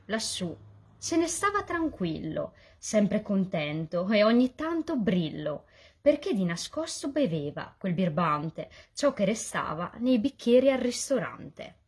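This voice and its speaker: Husky, sing-song woman reading a children's story. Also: mid-range voice, measured pace. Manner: lively, sing-song rhyming delivery. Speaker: volunteer children's book reader.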